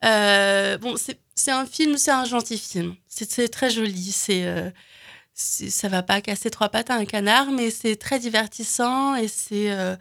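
A woman's voice: fairly high pitch, a little slow, gravelly, a bit bright. A woman recommending films in casual chat, talking with many fillers and restarts. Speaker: film recommendation guest. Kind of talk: casual radio film chat.

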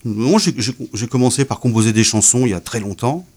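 A man's voice: mid-range voice, lively intonation, a little fast, darkish tone. A middle-aged man, a poet interviewed about his work, who talks hesitantly with many fillers and repeated words. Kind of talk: casual interview talk.

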